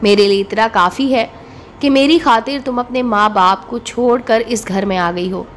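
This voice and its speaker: A woman's voice: on the high side, normal speed, a little hiss or hum, lightly acted. Teasing young husband, fond and playful, storybook read-aloud, voiced by a woman.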